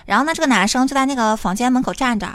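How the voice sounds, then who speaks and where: A woman's voice: on the high side, racing, no room sound. A young woman hosting a show, telling a funny story with lots of giggling and casual cussing. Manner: animated, giggly, cusses casually. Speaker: host. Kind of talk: comic storytelling.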